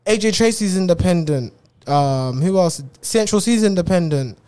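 A man's voice: high voice, lively intonation, moderate pace, warm tone, clear, resonant tone. A man with an urban London roadman accent, chatting casually and emphatically in slang, often repeating himself. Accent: London, urban slang-heavy. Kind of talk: casual chat on music.

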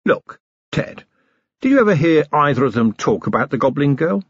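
A man's voice: on the high side, big pitch swings, normal speed, slightly rough, no room sound, dull audio, pitched above the performer's own voice. A man playing a shrewd, weary police commander. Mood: coaxing. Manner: coaxing, patient, dryly ironic.

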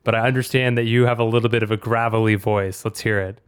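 A man's voice: fairly low pitch, steady tone, fast, clean tone, no echo, clean studio sound. A man hosting a podcast in a casual, fluent, talkative way. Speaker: podcast host.

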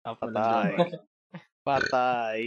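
A man's voice: mid-range voice, steady tone, extremely slow, muffled recording, a loud crowd. A young Filipino man co-hosting a podcast, playful and swearing, tossing in jokey asides. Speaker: podcast co-host. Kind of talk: casual chat.

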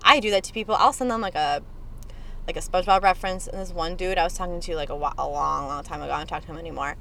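A woman's voice: on the low side, very fast, gravelly, pushed and bright, slight background noise, rough recording. A young woman co-hosting a podcast from inside a car, chatting casually in a joking, profane, rambling way. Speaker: podcast co-host. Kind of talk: casual chat.

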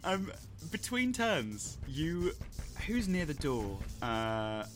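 Lively game master. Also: male voice, on the high side, very slow. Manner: playful and theatrical. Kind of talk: narrating a tabletop game.

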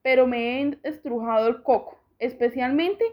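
A woman reads a children's storybook aloud in a slow, careful and expressive way. Her voice sits high. The recording is dull and lo-fi. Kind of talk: reading a children's book aloud.

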